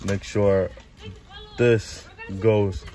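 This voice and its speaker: A man's voice: fairly low pitch, fairly even intonation, very slow, warm tone. A man vlogging about his car in a hyped, slangy way, often calling out "baby". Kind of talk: casual DIY vlog.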